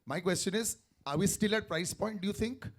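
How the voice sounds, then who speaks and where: A man's voice: sits high, a little fast. A man with an Indian English accent hosting a press event, mixing Hindi and English as he sets up questions. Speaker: event host.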